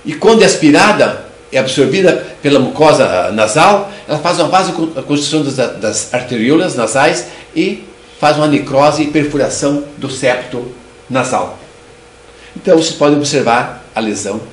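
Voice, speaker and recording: An older man with a Brazilian Portuguese accent delivers a clinical lecture on oral disease, patient and explanatory. He often repeats and restarts words as he goes. His voice sits a little high and carries the echo of a book-lined room. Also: lively intonation, moderate pace, slight background noise. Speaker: lecturer, dental surgeon. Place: room with bookshelves. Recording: echoey room sound.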